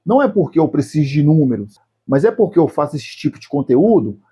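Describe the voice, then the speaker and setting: A man with a Brazilian Portuguese accent, his voice somewhat high for a man yet mellow and a little husky. He talks straight to the viewer in a reflective video essay, slow and deliberate, laying out short phrases one at a time. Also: sing-song. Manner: speaks slowly and deliberately, addressing the viewer directly in short phrases. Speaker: YouTube channel host.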